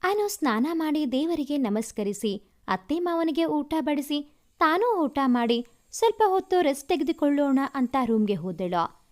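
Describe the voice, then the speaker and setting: A woman's voice: sits high, expressive, a little slow. A woman narrating a family love story, speaking directly to her listeners. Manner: warm, addresses listeners directly.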